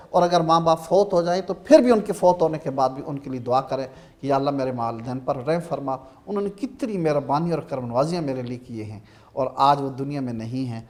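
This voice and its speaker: A man with a Pakistani Urdu accent, a religious scholar giving an emphatic, sermon-like talk on a Ramadan TV program, reciting verses slowly. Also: mid-range voice, darkish tone.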